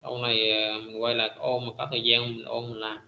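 A middle-aged math teacher lectures his class, his voice bright and forward. He keeps pausing on hesitant fillers as he explains. The sound is roomy and a little muffled, with faint noise under it. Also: medium pitch, flat delivery, gravelly. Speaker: high school math teacher.

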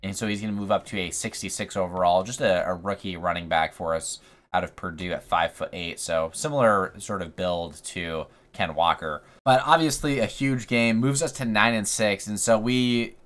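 A man giving play-by-play commentary over his football video game, his voice a little worn, getting excited on big plays. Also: deep voice, moderate pace. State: slightly losing his voice. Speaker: gaming YouTuber. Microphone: USB condenser mic.

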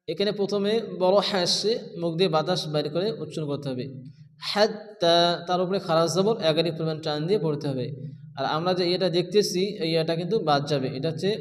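A man teaching Quranic recitation, explaining each rule plainly and then chanting the verses slowly with long drawn vowels. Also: sits high, in a large hall. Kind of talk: step-by-step recitation lesson.

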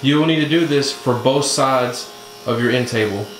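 A man's voice: medium pitch, moderate pace, recorded from a distance. Thirties man, easygoing workshop host, recorded from across a very echoey garage with faint hiss. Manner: relaxed, plain-spoken, with self-corrections. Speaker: woodworking channel host. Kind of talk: casual how-to narration. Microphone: camera mic from across the room.

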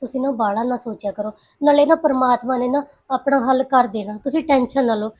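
A sensible young sister who keeps urging patience and care, played by a woman. She speaks softly in a fairly high voice, coaxing rather than arguing. She is a figure in a family drama. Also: brisk.

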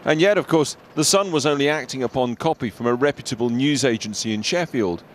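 A man's voice: medium pitch, fairly quick. A man reading scripted narration as a television news reporter.

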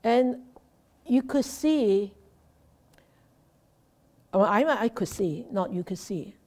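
This Dharma talk comes from a middle-aged Buddhist nun from Hong Kong whose mid-range voice is expressive and somewhat dark, with a Hong Kong accent. She speaks slowly, hesitates and restarts a lot, and is captured by a laptop webcam in a temple shrine room.

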